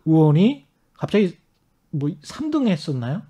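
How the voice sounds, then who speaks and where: Radio host, man, lively pitch, somewhat high voice, echoes guests, studio. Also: moderate pace, breathy edge. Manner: prompting, echoing the guests. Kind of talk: radio talk show hosting.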